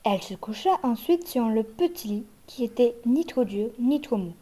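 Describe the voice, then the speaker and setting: Woman, storybook narrator, high voice, mellow, gentle, measured. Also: expressive. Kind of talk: reading a children's story aloud.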